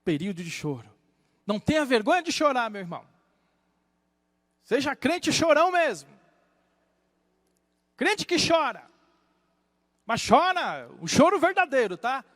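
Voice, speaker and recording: A male pastor preaching a sermon, moving between hushed low asides and loud rising exclamations. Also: sing-song, a little slow, long pauses, no room sound, in a large hall.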